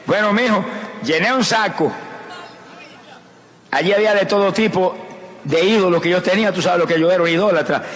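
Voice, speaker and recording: Male evangelist, fiery sermon with shouted praise, reverberant church hall. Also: high-pitched, fairly quick, pauses often. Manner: fervent, bursts into shouted praise. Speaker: evangelist preacher. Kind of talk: sermon with personal testimony.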